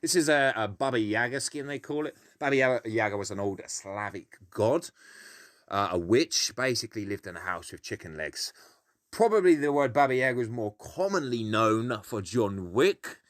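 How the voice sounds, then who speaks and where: A man's voice: medium pitch, animated, normal speed, dry recording, clean studio sound. A British man explaining a game in a casual, grumpy, grumbling way, blunt and sweary as he gives his opinions. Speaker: gaming video host.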